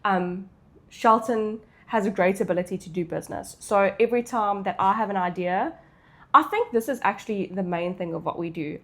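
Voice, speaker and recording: A woman's voice: mid-range voice, normal speed, fairly bright tone. Casual South African English-speaking woman. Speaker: content creator. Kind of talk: casual Q&A chat.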